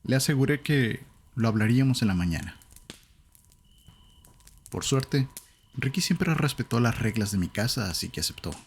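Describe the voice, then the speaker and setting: A man with a Latin American Spanish accent, telling a horror story in calm, measured scripted narration. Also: medium pitch, slight background noise.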